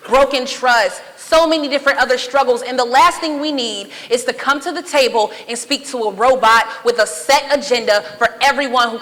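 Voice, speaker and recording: A woman's voice: sits high, sharp tone. A young woman speaking as a youth advocate on a panel, earnest, plainspoken and emphatic. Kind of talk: impassioned personal speech. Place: conference hall with audience. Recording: reverberant conference hall, audience murmur.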